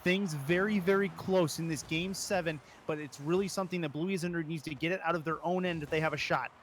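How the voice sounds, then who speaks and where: High-voiced excitable esports caster. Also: male voice, slight background noise. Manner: rapid, rising to shouts at goals. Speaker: play-by-play caster. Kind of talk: esports play-by-play commentary.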